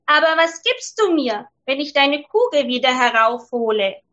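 Storybook frog, read by a woman: slow, coaxing, high, on a dull lo-fi recording. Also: sing-song, bright, forceful tone, exaggerated voice. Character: a talking male frog from the well, bargaining.

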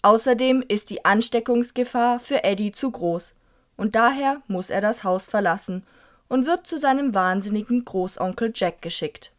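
A young woman giving a scripted book review, reading from a children's novel in a clear, even storytelling manner. Her pitch sits in the middle for a woman. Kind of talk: scripted book review with a read-aloud excerpt.

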